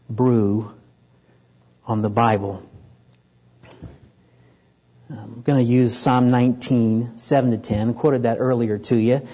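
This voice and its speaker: A man preaching a sermon to a congregation, earnest and building up in pitch and volume to stress his points. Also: mellow, slightly rough, lo-fi sound. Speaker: pastor.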